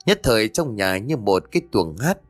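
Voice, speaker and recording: A man narrating a ghost story in an expressive storytelling manner. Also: on the low side, normal speed. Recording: dry voice with faint background music.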